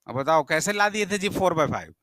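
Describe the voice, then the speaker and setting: A man's voice: fairly high pitch, sing-song, fast, a bit bright, no room sound. A male math teacher, lecturing a classroom and firing questions at his students, sometimes scolding them.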